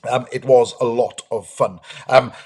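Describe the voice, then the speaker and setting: A man's voice: medium pitch, fairly even intonation, unhurried, darkish tone, breathy edge. A man hosts a live stream for young viewers. He is eager and chatty, with many ums as he greets viewers. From United Kingdom. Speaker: host, dinosaur ranger.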